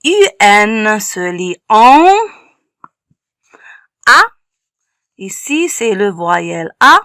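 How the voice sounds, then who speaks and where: A woman's voice: mid-range voice, sing-song, very slow, bright, forceful tone, no room sound, clean studio sound. A woman teaching young children to read, sounding out letters and syllables one by one and stressing each sound. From Morocco. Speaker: primary school teacher. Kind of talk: slow phonics lesson for young children.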